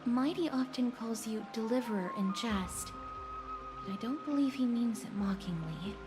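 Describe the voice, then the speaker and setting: An actress voicing a gentle, polite young woman in a video game, reassuring and soft-spoken. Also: a little high, lively intonation, normal speed, over music, natural voice.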